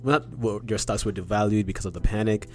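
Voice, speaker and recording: A man's voice: lowish voice, fast, faint music behind. A man co-hosting a podcast, chatting casually about money and investing, with lots of "um" and "like". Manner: relaxed, filler-heavy talk about investing. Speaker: podcast co-host.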